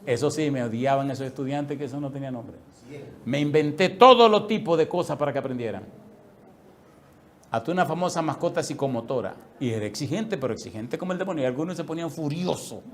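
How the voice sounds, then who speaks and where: Animated storytelling male pastor. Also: on the high side, fast talker. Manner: animated storyteller, acts out dialogue, laughs often. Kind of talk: sermon with personal storytelling.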